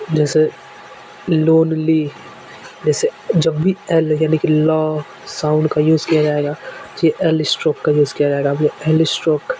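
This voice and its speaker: Guy teaching shorthand, flat droning voice, kinda mellow, faint hiss behind. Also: a little high, low-quality recording. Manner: repeats examples patiently, step by step. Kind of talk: classroom lesson explaining strokes.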